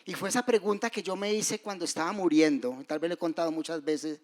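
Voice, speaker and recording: A man preaching a sermon, moving between loud rises and soft, hushed drops. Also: a little high, fast. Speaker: pastor.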